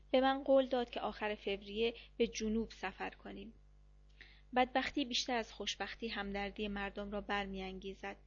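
A woman narrating a first-person diary story at a measured, even pace. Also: medium pitch. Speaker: audiobook narrator. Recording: dull lo-fi recording.

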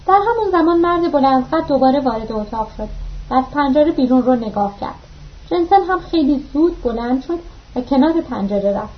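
A woman reading an audiobook aloud, narrating the story and voicing the dialogue lines with mild shifts of pitch. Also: expressive. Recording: muffled lo-fi recording.

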